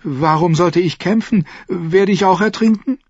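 A frightened young noble boy with a raised, strained voice, as a man reading aloud puts him on. He pushes out anxious questions. It is a husky, dull audiobook recording. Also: high voice, measured pace, a little mellow, dry recording, voice pushed up. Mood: afraid.

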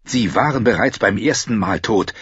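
A man's voice: fairly low pitch, lively intonation, moderate pace, fairly bright tone, husky, dry recording, lo-fi sound, exaggerated voice. A man voicing a proud, bitter knight who talks in a resentful, snapping, insistent way.

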